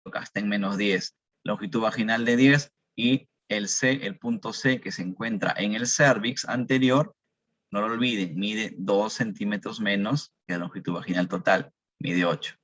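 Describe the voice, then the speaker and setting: A man delivers a medical lecture, his voice sitting low. He poses questions to his students and answers them himself, repeating the figures. The recording sounds dull and dry, with no room echo. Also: moderate pace, a bit bright. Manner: explanatory, repeats key numbers, asks and answers own questions.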